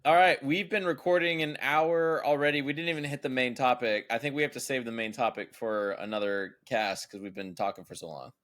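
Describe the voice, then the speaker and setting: A man's voice: mid-range voice, steady tone, brisk, hardly any pauses, a bit bright. Joking man on a podcast. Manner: joking, playful. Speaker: podcast co-host. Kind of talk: casual chat.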